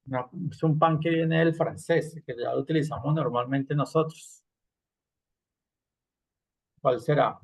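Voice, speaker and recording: A man leads an online language class, explaining step by step and checking in with his students through frequent little tag questions. His voice sits a bit high and carries a gravelly edge. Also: measured pace, long pauses. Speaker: English teacher.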